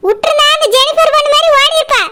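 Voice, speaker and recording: Shrill scolding mother-in-law. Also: very fast, bright, forceful tone. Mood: indignant. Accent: Kanyakumari Tamil. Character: indignant middle-aged woman, mother of the groom. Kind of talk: cartoon voice acting.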